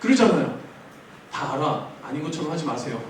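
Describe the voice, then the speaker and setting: A man's voice: on the high side, very animated, a little fast. A man, a youth pastor, preaching a sermon to teenagers in a playful way, asking them questions and answering them himself. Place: large church hall. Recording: very echoey hall, mic far off, faint room noise.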